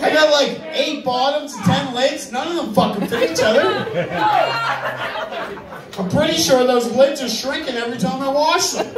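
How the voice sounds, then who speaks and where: A man's voice: extremely high pitch, moderate pace. Male stand-up comedian, exasperated and sweary, heard from a distance in an echoey venue with audience laughter. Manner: conversational, profane, exasperated complaining. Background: crowd laughter.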